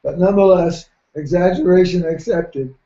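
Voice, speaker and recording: A middle-aged man hosting a radio sports talk show, speaking in a measured, folksy way and often clearing his throat. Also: high voice, dark tone. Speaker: host. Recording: roomy, dull lo-fi sound.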